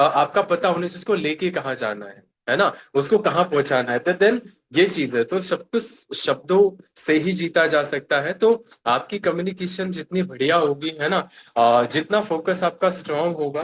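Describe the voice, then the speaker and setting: A man's voice: a little high, fairly bright tone. A man telling a moral story in a casual, conversational way, often adding "है ना" and acting out the characters' lines before giving life advice. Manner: casual, repeats "है ना" often, acts out quotes. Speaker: motivational speaker. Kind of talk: storytelling and motivational talk.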